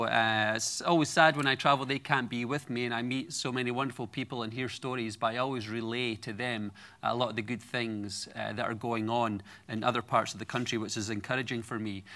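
Preaching to a congregation, a man from Scotland in his forties blends earnest, personal reflection with light humor. He is a guest preacher with a medium-pitched voice that sounds bright and forceful.

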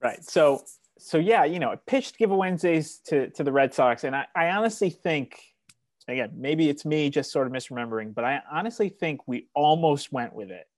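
A man's voice: fairly high pitch, animated, normal speed, dry recording, clean studio sound. An American man guesting on a casual sports podcast, talking in a self-deprecating, stop-start way. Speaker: team staff member, podcast guest.

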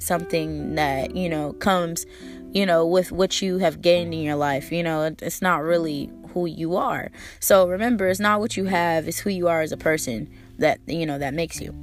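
A woman hosting a casual motivational monologue, slangy and emphatic with swearing, her squeaky, strained voice hoarse from a cold. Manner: slangy, swearing, emphatic, repeating key phrases. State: hoarse from a cold, recovering from a lost voice. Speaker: podcast host.

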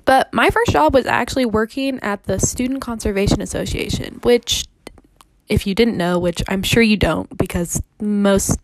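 A woman's voice: medium pitch, normal speed, gravelly, a little hiss or hum. A teenage woman hosting a podcast, telling work stories in a rambling, sarcastic, casual way full of fillers. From Seattle area. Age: teens. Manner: rambling, sarcastic, many fillers like "like" and "you know". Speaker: podcast host. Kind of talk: casual storytelling monologue.

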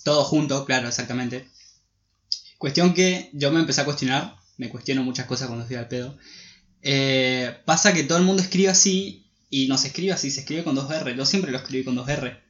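A man's voice: mid-range voice, brisk, fairly bright tone, roomy sound. A man with an Argentine accent joking and teasing his friends in a casual chat. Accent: Argentine Spanish. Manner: joking, teasing, laughs often. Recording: dull lo-fi sound.

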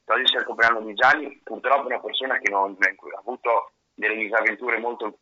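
A man phones in to a live radio show, his voice coming through what sounds like a speakerphone. His tone is very bright and sharp, while the line is dull and lo-fi. He is chatty and friendly, teasing the host. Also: fairly low pitch, fairly even intonation, fast. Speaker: singer-songwriter guest calling in.

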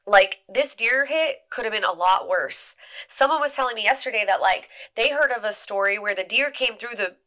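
Bright-voiced chatty young woman podcaster. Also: fairly high pitch, normal speed. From Eastern Shore of Maryland, US. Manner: chatty, rambling, heavy use of "like". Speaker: podcast host. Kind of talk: casual solo podcast chat.

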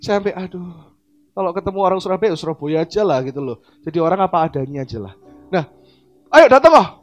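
Animated high-voiced pastor preaching. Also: male voice, quick pace, soft background music. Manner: animated, acts out quoted dialogue with big pitch swings. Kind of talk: sermon.

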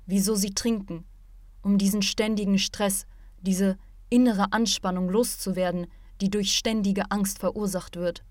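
A calm male martial arts teacher lectures his student in a measured, patient voice, as a woman reads him aloud. The pitch sits in a middling range. The audiobook recording is dry and close. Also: no echo, lightly acted. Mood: explaining.

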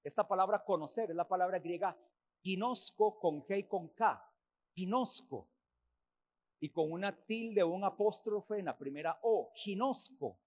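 A man preaches a sermon at a church service, his voice pitched high for a man. He drives his points home by repeating them in lists. He swings between loud, forceful phrases and hushed, quiet ones. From Costa Rica. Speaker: pastor.

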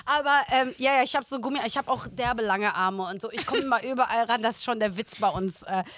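A young woman co-hosting a casual chat podcast, telling animated stories and mixing in English phrases. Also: on the high side, fast talker, a little hiss or hum. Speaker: podcast co-host.

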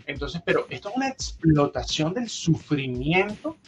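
A young Venezuelan man on a podcast, telling a story in casual chat, animated and full of swearing and slangy asides. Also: a little high, moderate pace, soft background music. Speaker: podcast co-host.

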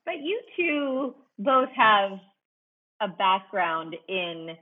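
A woman co-hosting a podcast, asking her guests questions in a measured way. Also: mid-range voice, very animated, narrow, tinny audio. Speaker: podcast co-host. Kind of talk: casual podcast chat.

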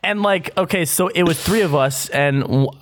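A man's voice: a little high, moderate pace, slight background noise. A young man co-hosting a podcast, telling stories in a rambling, profane way with many restarts. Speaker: podcast co-host. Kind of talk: casual chat.

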